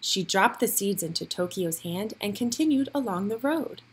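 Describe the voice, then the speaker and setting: Reading at a normal speed, a woman voices a storybook for young children with plenty of expression. Her tone is medium in pitch, with a slightly breathy, husky quality.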